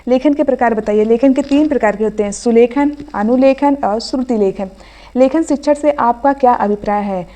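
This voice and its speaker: A woman's voice: fairly high pitch, moderate pace, dark tone. A woman teaching an online exam revision class, reading out each question and then giving the answer. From India.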